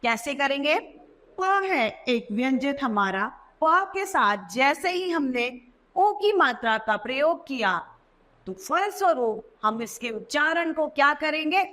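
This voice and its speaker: A woman teaching a children's Hindi lesson, sounding out words slowly and repeating them. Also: high voice, very animated, fairly bright tone.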